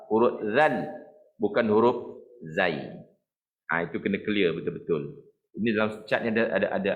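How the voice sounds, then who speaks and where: Speaking with a Perak Malay accent from Malaysia, a man teaches an online Quran recitation lesson. His mid-range, fairly bright voice patiently explains and demonstrates letter sounds and slowly chanted verses.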